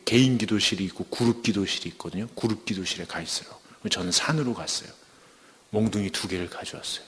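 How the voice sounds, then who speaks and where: A man giving a testimony sermon at a church service, telling his story in a lively way and acting out the lines he quotes. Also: on the low side, long reverb tail.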